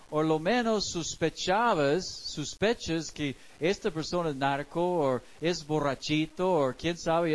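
A male pastor delivers a sermon with a noticeably high-pitched voice. He moves slowly and unhurriedly, breaking scripture down in a casual, conversational manner with everyday examples from the street. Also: rough recording.

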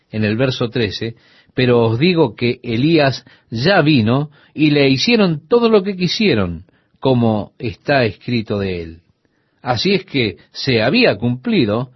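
A man's voice: mid-range voice, husky, dry recording, dull audio. A man teaching the Bible for radio listeners, telling a story and voicing the people in it. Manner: lively storytelling, voicing the people in his anecdote.

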